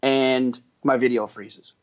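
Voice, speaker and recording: A man co-hosting a horse racing podcast, telling a story with energy and lots of quick restarts. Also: mid-range voice, highs cut off. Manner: animated storyteller with frequent restarts. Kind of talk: casual podcast chat.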